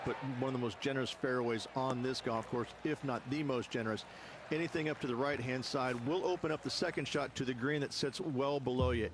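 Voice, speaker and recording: A man's voice: mid-range voice, a bit bright, close to an everyday voice. A man playing a knowing, matter-of-fact golf commentator analysing the course in a video game. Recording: outdoor ambience noise behind voice.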